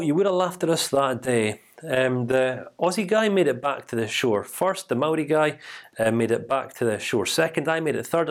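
A man giving a motivational talk built around a personal story, told in an emphatic, animated way. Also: on the high side. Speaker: speaker.

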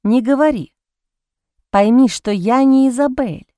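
A woman's voice: high voice, unhurried, dark tone, no room sound, clean studio sound. A woman reading an audiobook, voicing a bold young woman held captive, speaking fiercely and urgently. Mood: urgent defiance.

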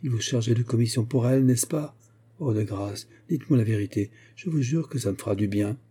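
A man reading the lines of a frail, grieving young woman who pleads and despairs, in a husky, dark voice. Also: mid-range voice, fairly quick, lightly acted. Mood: pleading. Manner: pleading, broken, desperate.

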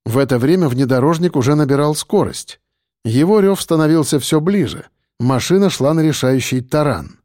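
A man narrating an audiobook with dramatic energy, his pitch moving in lively swings. His voice sits a little above the usual male range. The recording is close-miked and completely dry. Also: normal speed, no room sound.

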